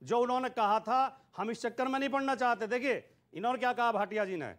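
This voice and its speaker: Arguing emphatically as a party spokesman on a televised debate, this man builds his case through repetition. His voice is very high and a bit bright, and he speaks quickly.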